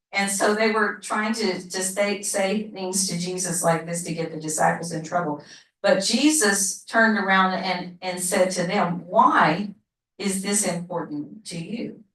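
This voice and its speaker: Slow, roomy woman teaching a Bible class. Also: medium pitch, a bit bright, recorded from a distance. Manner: slow, repetitive, asks the class questions. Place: church classroom. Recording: roomy, from off mic.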